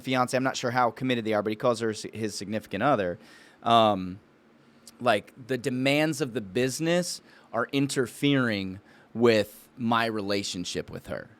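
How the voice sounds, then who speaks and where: Speaking at a normal speed in a mid-range voice, a man co-hosts a casual podcast. He's a business owner, and his talk is informal and a little bro-ish, like swapping stories with a friend.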